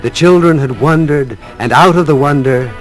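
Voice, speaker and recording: Storytelling man narrating over music. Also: a little high. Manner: measured, storytelling. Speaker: narrator and teacher.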